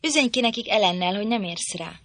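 A woman's voice: mid-range voice, lively intonation, fairly bright tone, no room sound, natural voice. A woman voicing a brooding, resentful young man in an audiobook, speaking in a heated, reproachful way. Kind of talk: audiobook reading.

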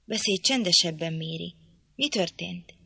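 A woman doing an agitated gentleman. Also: on the low side, expressive, creaky, breathy edge, no room sound, exaggerated voice. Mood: stern. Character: agitated gentleman, master of the house.

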